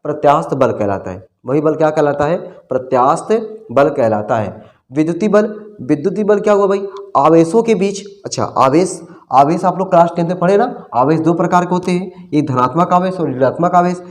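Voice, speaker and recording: A man gives a casual physics lecture in class, posing questions and answering them himself, repeating key terms, and calling his students brother. His voice is a little high and expressive, at a moderate pace.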